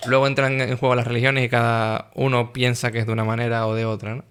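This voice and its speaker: A man's voice: mid-range voice, level tone, quick pace, a bit bright, clean tone. A young man hosting an interview, talking in a casual, hesitant way with frequent restarts and tag questions. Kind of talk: conversational interview.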